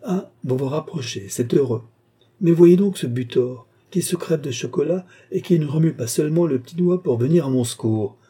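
A man reading aloud voices a haughty, excitable noblewoman, a countess who scolds in shrill, imperious outbursts. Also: normal speed, breathy edge. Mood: indignant.

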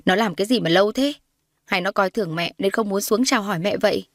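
In an audio drama, a woman narrator plays a haughty middle-aged matriarch who is cold, scornful, and irritated, sneering out accusations. Her mid-range voice moves fast with light acting, recorded close and dry with no echo.

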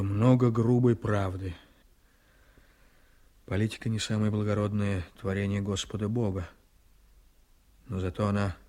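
In a Soviet radio drama, a male actor with a somewhat low, slightly mellow voice plays an ambitious, cynical, domineering politician and prosecutor. His delivery is theatrical and emphatic, shifting between confiding and fierce.

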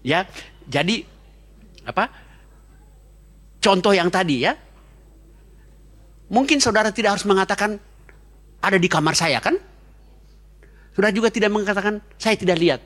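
Male pastor, quick and chatty, jokes through his sermon. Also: fairly high pitch, a bit bright. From Indonesia. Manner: fast-talking, joking, chatty storytelling.

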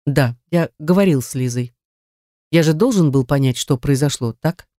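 A woman voicing a calm, caring man who soothes his fiancée, in an audiobook. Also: low voice, moderate pace, no room sound, studio quality, pitched below the performer's own voice, close to an everyday voice. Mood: soothing.

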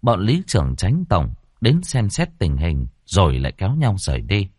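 A male storyteller reading a horror tale with expressive narration. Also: low-pitched, moderate pace, breathy edge, no room sound, studio quality.

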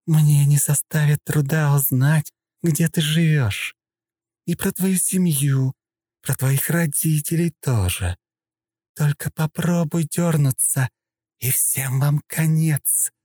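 A man voicing a haughty young princess in an audiobook, speaking coldly, slowly and with contempt. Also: on the high side, a little mellow, dry recording, pitched above the performer's own voice. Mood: menacing. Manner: cold, slow, contemptuous, threatening. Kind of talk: audiobook character voice.

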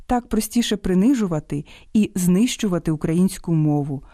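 Woman radio host, low mellow voice, animated teaching delivery, dry studio sound. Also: normal speed, dry recording. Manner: didactic, lively emphasis on quoted words. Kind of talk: scripted radio talk.

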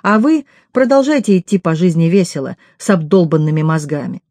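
A stern, weary young man speaks with curt, cold contempt, as a woman reading an audiobook voices him. The voice is dark and mellow, with no liveliness in it. The recording is close and dry, without any room sound. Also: fairly low pitch, animated, brisk, dry recording. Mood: cold, contemptuous.

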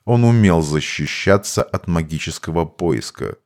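A man voicing a calm, cryptic male mage in an audiobook, measured and matter-of-fact. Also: sits low, voice pushed down. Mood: explaining. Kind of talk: audiobook character voice.

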